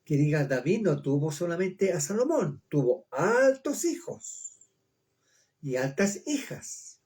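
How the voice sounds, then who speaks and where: Slow, mellow man teaching scripture. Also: a little high, big pitch swings. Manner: repeats words, checks in with "¿ya?"; reads Hebrew names slowly, then explains in Spanish. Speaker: Bible teacher. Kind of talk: slow verse-by-verse Bible study.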